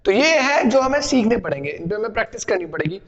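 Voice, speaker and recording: A man's voice: sits high, sing-song, fast talker, long reverb tail, highs cut off, a crowd in the background. A man teaching a spoken English lesson, explaining patiently and asking and answering his own questions. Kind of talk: classroom lesson.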